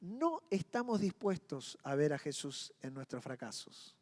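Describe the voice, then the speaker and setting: A male pastor with a Rioplatense Spanish accent preaching a dramatic sermon, dropping to quiet moments and rising to loud ones as he acts out inner voices. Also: fairly high pitch, very animated, unhurried, in a large hall.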